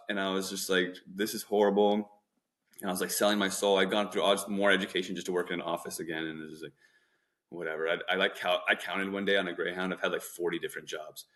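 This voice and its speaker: A man's voice: low voice, fairly bright tone. A man in his thirties, a documentary filmmaker guest, telling long casual stories full of "like" fillers and acted-out quotes. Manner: chatty, lots of "like" fillers, acts out quotes. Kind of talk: casual rambling storytelling.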